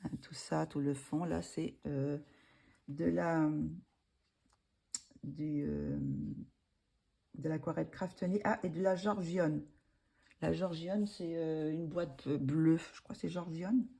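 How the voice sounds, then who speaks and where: Low, mellow-voiced woman, hesitant chat. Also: fairly even intonation, takes it slowly, creaky, long pauses, husky. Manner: hesitant, many fillers and self-corrections. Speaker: coloring hobby vlogger. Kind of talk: casual show-and-tell of finished coloring pages.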